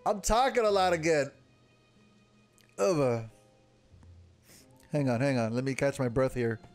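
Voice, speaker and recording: A man's voice: mid-range voice, unhurried, faint music behind. A man giving casual, goofy let's-play commentary as a gaming streamer, joking and laughing often.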